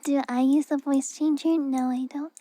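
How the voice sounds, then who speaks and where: A woman livestreamer chatting casually in a naturally soft, cute anime-girl voice, gentle and often close to a whisper. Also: high-pitched, flat delivery, moderate pace, no room sound.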